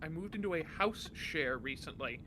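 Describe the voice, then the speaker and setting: A man doing casual let's-play commentary, jokey and quick to laugh. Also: on the high side, expressive, background noise. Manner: laughs a lot, jokey and irreverent. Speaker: gaming commentator.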